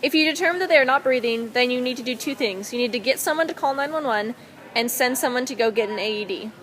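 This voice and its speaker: Young woman, student presenter, instructional narration, slightly high pitch. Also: quick pace, a bit bright, rough recording. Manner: reads steadily with some fillers.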